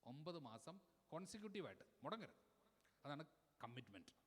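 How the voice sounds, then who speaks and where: A man, a priest, preaching an animated sermon, calling on the crowd to respond and mixing in English words. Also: a little high, brisk, slightly rough. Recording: long hall reverb.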